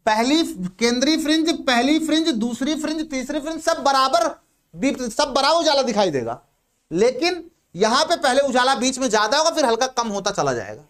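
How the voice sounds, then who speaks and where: A man's voice: extremely high pitch, sing-song, normal speed, fairly bright tone. A male physics teacher giving a lecture, who asks questions, answers them himself and repeats the key terms. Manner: repeats key terms and says "ठीक है" often. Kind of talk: blackboard lecture in Hindi.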